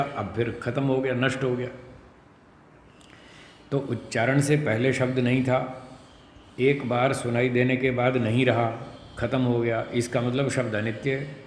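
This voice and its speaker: A man teaching a class on Indian philosophy, reciting Sanskrit verses slowly and then explaining each point in plain speech with patient repetition. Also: medium pitch. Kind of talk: classroom lecture on scripture. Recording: echoey classroom with long reverb, faint noise.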